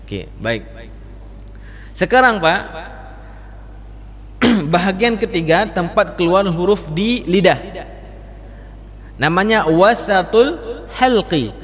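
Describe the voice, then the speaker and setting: A man's voice: high voice, sing-song, slow pace, pauses often, fairly bright tone. A male Quran recitation teacher, giving a mosque study class and demonstrating letter sounds for his students again and again. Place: mosque hall. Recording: reverberant mosque hall.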